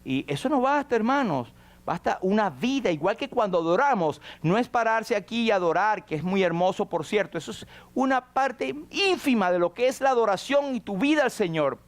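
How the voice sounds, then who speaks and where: Male pastor, high voice, lively sermon with acted-out quotes. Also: normal speed. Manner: animated preaching with quoted prayers and paraphrased dialogue. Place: church.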